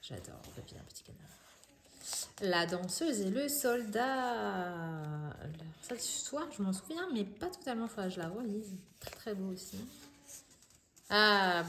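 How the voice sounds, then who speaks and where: A woman's voice: medium pitch, animated, takes it slowly, fairly bright tone, reverberant. French lady rambling through an unboxing, lots of euhs, faint hiss behind, mid voice. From France. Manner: chatty, thinks aloud, frequent fillers. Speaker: vlogger. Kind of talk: casual unboxing chat.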